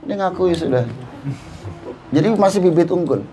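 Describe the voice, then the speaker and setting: A man preaches in a joking, conversational way, speaking to the listeners as if they were friends. His voice sits high for a man. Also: expressive, moderate pace, warm tone, faint music behind. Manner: jokey, addresses listeners directly, mixes in Javanese phrases. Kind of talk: humorous religious talk.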